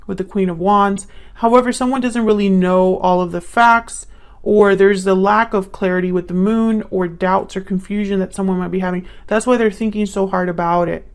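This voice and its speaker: A woman's voice: mid-range voice, vocal fry, a little mellow. A young woman reading tarot cards casually, musing aloud as she pulls cards. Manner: musing, thinks aloud while pulling cards. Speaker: tarot reader.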